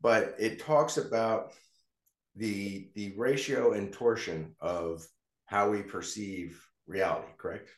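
A man's voice: lowish voice, takes it slowly. A man hosting a casual interview, his voice ringing with a heavy canyon-like echo from a new, echoey location, often checking in with "right?" and "correct?". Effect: heavy echo, like talking in a canyon. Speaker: podcast host.

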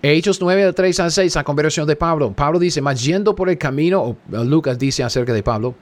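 A man's voice: on the high side, fairly quick. A man leading a Bible study, reading passages aloud and repeating key words for emphasis, often checking in with his listeners. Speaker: Bible teacher.

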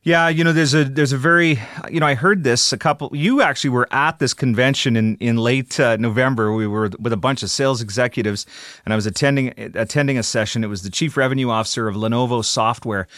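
A man's voice: medium pitch, quick pace, fairly bright tone, no room sound, studio quality. A man hosting a podcast, asking questions in a conversational, friendly way. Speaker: podcast host. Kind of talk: podcast interview.

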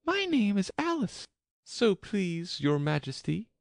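A man's voice: high voice, very animated, slow, no room sound, clean studio sound, pitched above the performer's own voice, exaggerated voice. A man voicing a polite but bold and decided little girl in a storybook.

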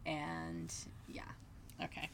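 A woman's voice: slow, a bit bright, slight background noise. A woman hosting a casual fan podcast, chatty and laughing as she retells scenes. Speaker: podcast host.

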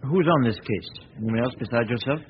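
A man's voice: medium pitch, fairly quick, natural voice. Paul Temple, a man playing a suave sleuth. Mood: probing. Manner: urbane, clipped, lively delivery. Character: suave male crime-novelist sleuth, calm and witty. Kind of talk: 1940s radio acting. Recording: lo-fi old radio recording with hiss.

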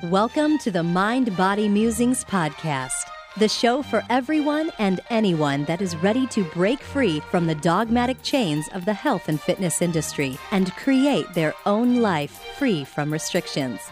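A woman gives a smooth, scripted podcast introduction at a middle pitch. Music plays clearly behind her voice throughout. Her delivery is polished and promotional. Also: expressive, a little slow, hardly any pauses. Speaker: podcast announcer.

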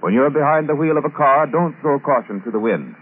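A man's voice: medium pitch, lively intonation, fairly quick, husky. Man announcing on an old broadcast disc. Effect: old broadcast disc sound. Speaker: radio announcer. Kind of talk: scripted 1940s radio announcement. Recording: tinny, narrow-band old radio transcription.

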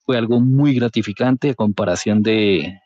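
A Colombian-accented man tells his story in a casual, colloquial way. His voice is very mellow and a bit low, on a slightly dull lo-fi recording. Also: moderate pace, no room sound. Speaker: podcast guest, career changer into programming. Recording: dull, lo-fi audio.

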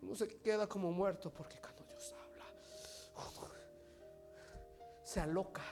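A man preaching a sermon, swinging from loud, fast preaching to hushed whispers. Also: high-pitched. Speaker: pastor. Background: music playing.

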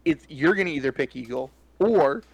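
A man's voice: fairly high pitch, expressive, moderate pace, gravelly. A man co-hosting a podcast, rambling and hesitating casually, laughing often during a fantasy draft. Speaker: podcast co-host.

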